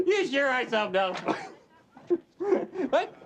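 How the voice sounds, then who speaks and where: A man's voice: extremely high pitch, sing-song, slow pace, full character voice. An actor playing a pushy, flirtatious male store clerk in a TV comedy sketch. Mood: flirting. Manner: cocky, persistent come-ons with a goofy laugh.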